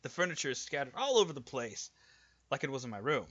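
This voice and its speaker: Bright-voiced man on a dull lo-fi mic. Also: mid-range voice, very animated, quick pace. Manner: stumbles over words and teases his co-reader. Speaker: co-host reading a visual novel aloud. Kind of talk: casual read-along with banter.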